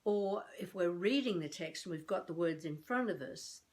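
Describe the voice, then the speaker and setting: An older Australian woman working as a voice coach improvises instruction to camera, speaking deliberately with theatrical emphasis and spacious pauses between phrases. Her voice is lowish and a little mellow, with lively intonation.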